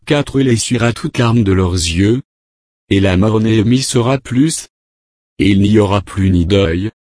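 Slow, low-voiced man preaching. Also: darkish tone, dry recording, clean studio sound. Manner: slow, deliberate, asks rhetorical questions. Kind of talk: sermon with scripture reading.

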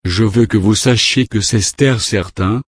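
A man preaching a sermon in a slow, measured way with long pauses. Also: lowish voice, slightly rough, no echo.

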